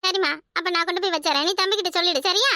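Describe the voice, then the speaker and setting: A woman voicing a motherly older village aunt in a cartoon comedy, with a Tirunelveli Tamil accent and gentle, homely instructions. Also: very high voice, rapid-fire, no room sound, clean studio sound. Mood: busy, kindly.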